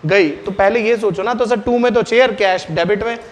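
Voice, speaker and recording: Quick-fire questions come from a high-pitched male teacher, who makes his students respond out loud in class.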